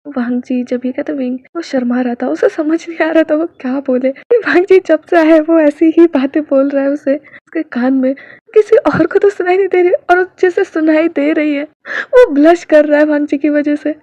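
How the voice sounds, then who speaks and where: A woman with a high, mellow voice reading fan fiction aloud, chatting with her listeners between scenes. The sound is dry and a bit dull, as from a simple home setup. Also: moderate pace, no echo. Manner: chatty, addresses listeners directly. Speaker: storyteller.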